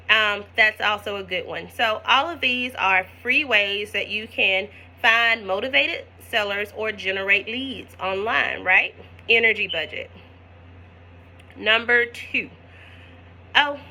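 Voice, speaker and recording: A woman's voice: mid-range voice, bright, forceful tone. A woman, teaching real estate wholesaling in a chatty, folksy tutorial vlog with asides to her viewers.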